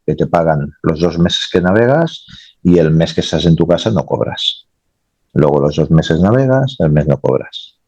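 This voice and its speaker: A man's voice: deep voice, dark tone, no echo, muffled recording. A man, a naval engineer, answering interview questions casually and rambling, often adding tag questions.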